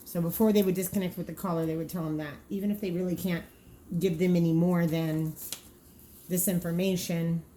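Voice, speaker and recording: A woman with a lowish, dark-toned voice presents draft dispatcher training cards as the trainer, over a faint hiss or hum. She keeps it informal, giving practical explanations and regularly thinking aloud.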